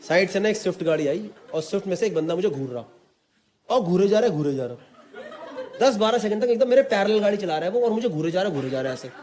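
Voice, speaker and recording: A man, telling an animated stand-up story with crowd work in mixed Hindi and English, acting out voices. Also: high voice. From India. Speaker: stand-up comedian. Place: comedy club stage before a live audience. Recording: roomy hall with loud crowd. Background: audience laughter.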